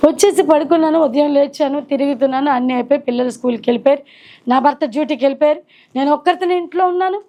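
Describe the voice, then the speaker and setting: High-voiced woman telling her testimony. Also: mellow, muffled recording. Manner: earnest, reflective storytelling with slow hesitations. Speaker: testimony speaker. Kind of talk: personal faith testimony. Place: indoors at her own home.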